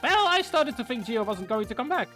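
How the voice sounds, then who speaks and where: Man putting on a high, fretful game schoolgirl, earnest and anxious, soft music behind. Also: very animated, a little fast, heavily acted. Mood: worried. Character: worried caring schoolgirl class president.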